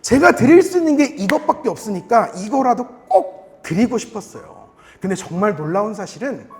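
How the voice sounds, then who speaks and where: Young man, pastor, animated sermon storytelling, very expressive pitch, long church reverb. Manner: animated storytelling, acting out his younger self, laughing. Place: church sanctuary.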